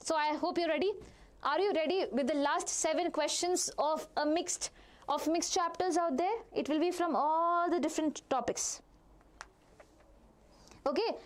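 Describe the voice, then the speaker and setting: Woman, Indian accent, high-pitched voice, online teacher, repeats key phrases, question-and-answer explaining, speaks straight to students. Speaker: biology teacher.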